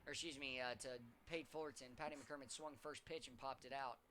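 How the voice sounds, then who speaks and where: A man calling baseball play-by-play as the team's announcer, keeping a steady call that lifts in energy on hits. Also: mid-range voice, fairly quick, a little hiss or hum.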